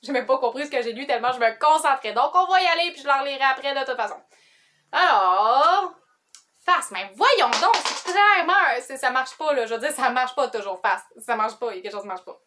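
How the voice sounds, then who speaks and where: A chatty woman with a Quebec French accent and a fairly high voice. She talks casually to camera about books, rambling and cutting herself off with quick asides. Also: fairly bright tone, a little hiss or hum. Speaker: book vlogger.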